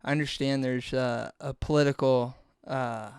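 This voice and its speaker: A man appearing as a guest on a casual podcast, talking hesitantly with halting restarts. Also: medium pitch, steady tone, darkish tone, slight background noise.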